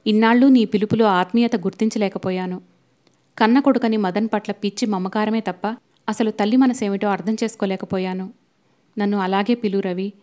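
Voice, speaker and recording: A woman's voice: medium pitch, darkish tone. A woman reading a novel aloud as an audiobook narrator, voicing every character's lines in her own voice. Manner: reads all characters' dialogue in her own voice.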